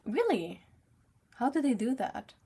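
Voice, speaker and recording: Sitting on the high side, her voice is sing-song, mellow and slightly breathy, with a measured pace. While painting on a livestream, the young French Canadian woman, whose native language is French, chats casually with viewers, reads the chat aloud and laughs often.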